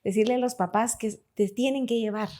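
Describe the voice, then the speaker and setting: A woman's voice: fairly high pitch, steady tone, brisk, warm tone. A woman with a Guatemalan Spanish accent hosting a podcast, asking guests reflective questions. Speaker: podcast host. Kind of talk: podcast interview.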